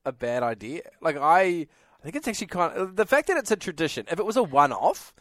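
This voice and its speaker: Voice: medium pitch, very animated, quick pace, a bit bright, no echo, clean studio sound. A radio co-host in casual chat who laughs easily and talks playfully.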